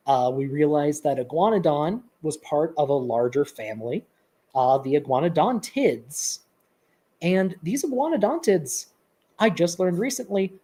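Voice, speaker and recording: Chatty presenter rambling thru a history bit, lots of uhs, mid pitch. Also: a little mellow. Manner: chatty, with filler ums and laughs. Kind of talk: casual educational chat.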